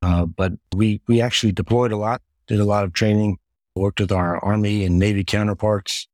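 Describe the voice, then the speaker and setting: A middle-aged retired Air Force medic, US-born with Hungarian as his first language, answers interview questions steadily as a guest. His fairly low, darkish voice is fairly even at normal speed, listing items with frequent word repeats in clean, echo-free studio sound.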